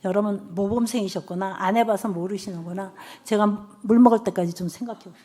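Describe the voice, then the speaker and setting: A middle-aged woman giving a church testimony sermon, telling classroom stories with lively acted-out dialogue and soft, hushed asides. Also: medium pitch, quick pace. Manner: lively storytelling, acting out children's and her own lines; drops to soft near-whispers for tender lines. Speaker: church deaconess speaker.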